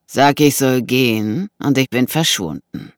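An audiobook narrator voicing a menacing man with a knife, who taunts slowly and mockingly. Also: medium pitch, expressive, dry recording, studio quality, natural voice. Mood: taunting. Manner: slow, taunting, drawn-out delivery.

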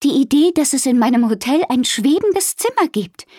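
A woman's voice: high voice, expressive, moderate pace, mellow, no echo, clean studio sound, pitched above the performer's own voice. A woman voicing a cheerful, busy female hotel keeper in a storybook reading.

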